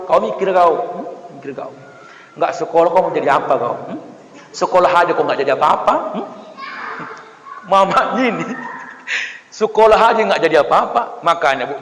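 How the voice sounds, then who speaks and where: A man's voice: fairly high pitch, moderate pace. A man preaching a humorous sermon, acting out villagers' voices and joking with the congregation. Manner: lively, acts out voices of villagers, jokes with the audience. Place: mosque hall. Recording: echoey hall with long reverb.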